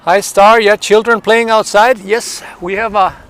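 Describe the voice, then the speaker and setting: Outdoors by a city pond in a winter wind, an Icelandic guide live-streams a walking tour, sniffling from the cold as he chats. He greets viewers by name and gropes for words, his high, slightly bright voice unhurried and fairly even in a dry recording.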